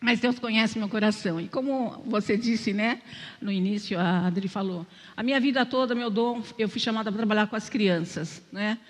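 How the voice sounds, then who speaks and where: A woman's voice: medium pitch, normal speed. Older Brazilian woman preaching in a reverberant hall. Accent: Brazilian Portuguese. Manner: chatty, keeps asking "né?", self-deprecating humor. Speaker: lay speaker at church. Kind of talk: conversational sermon with personal testimony. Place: church sanctuary.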